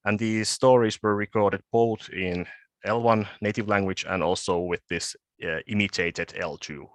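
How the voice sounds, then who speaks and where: Halting low-voiced man presenting research. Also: steady tone, no room sound. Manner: halting, with frequent word repeats and restarts. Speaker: conference presenter. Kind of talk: academic conference presentation.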